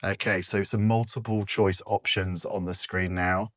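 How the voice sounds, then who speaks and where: A man leads a guided therapy exercise in an unhurried, patient way, leaving room after each prompt. His voice sits fairly low. The recording is close and dry, with no room sound. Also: fairly even intonation, no room sound. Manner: slow, patient, encouraging, with pauses. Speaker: speech therapist.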